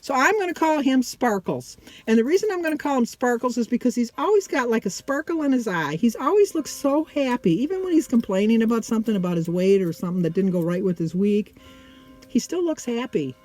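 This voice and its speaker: A woman's voice: on the high side, big pitch swings, a little fast, darkish tone, rough recording. A middle-aged or older woman vlogger chatting casually to her viewers, rambling and often breaking off mid-sentence.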